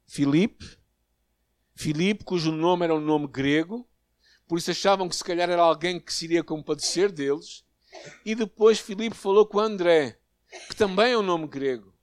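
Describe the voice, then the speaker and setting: Earnest European Portuguese preacher, dry sound. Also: male voice, high voice, no echo. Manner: earnest, measured, with hesitations and emphatic rises. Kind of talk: sermon with prayer and Bible reading.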